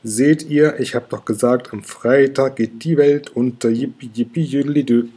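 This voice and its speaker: A big, grumpy male dragon who sulks one moment and wails the next, as a man puts him on for an audiobook. The tone is dark and mellow, with a heavy breathy husk. He is melodramatic and full of self-pity. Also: medium pitch, fairly quick. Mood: gleeful. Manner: sulky and melodramatic, swings to wailing.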